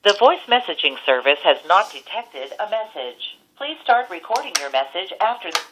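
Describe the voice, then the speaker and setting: A woman's recorded voicemail system prompt played over a landline phone, in measured, evenly scripted phrasing. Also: mid-range voice, big pitch swings. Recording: noisy telephone line.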